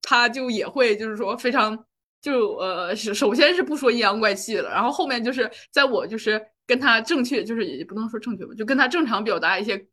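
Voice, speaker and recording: A young woman talking fast in a bright, clear, fairly high voice. She co-hosts a casual podcast and wanders through her thoughts with lots of fillers and restarts. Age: 20s. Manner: rambling, full of fillers and restarts. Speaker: podcast co-host. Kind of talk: casual personal chat.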